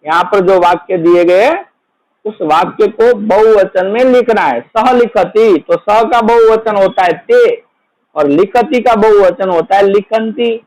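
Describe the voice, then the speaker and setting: A man's voice: high voice, a little slow, darkish tone, low-quality recording. A man teaching a children's worksheet lesson, explaining each answer and then asking it back as a question.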